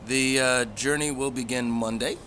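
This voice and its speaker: A man's voice: mid-range voice, fairly even intonation, moderate pace, pushed and bright, a little hiss or hum. A man chatting casually to a livestream as a pipe hobby vlogger, in a rambling, easygoing way with folksy phrasing.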